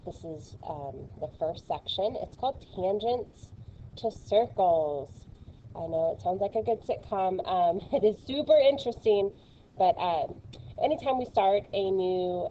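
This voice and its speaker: A woman's voice: medium pitch, animated, moderate pace, dark tone, muffled recording, slight background noise. A woman teaching a recorded math lesson, chatty and playful, with lots of fillers.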